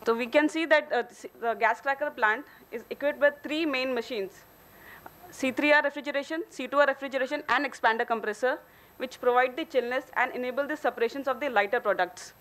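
A company engineer, a woman with an Indian accent, stands at a podium on a hotel conference hall stage for a formal technical case study talk. She sounds high-pitched and fairly bright, moving briskly.

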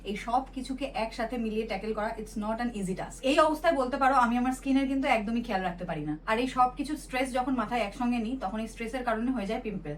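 Quick high-voiced young mom vlogger. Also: female voice. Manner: brisk chatty delivery mixing in English phrases. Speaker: vlogger and housewife; mother of a baby. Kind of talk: casual family vlog chat and product promo.

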